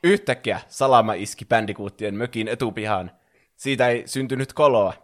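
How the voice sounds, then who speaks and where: A man reading a fan fiction story aloud in a playful way, acting out the characters. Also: mid-range voice.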